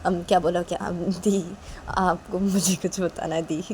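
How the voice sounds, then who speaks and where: A woman voicing a shy, lovestruck young man who talks softly and pleads with his older sister. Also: on the low side, level tone, normal speed, a little hiss or hum, close to an everyday voice. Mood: dreamy.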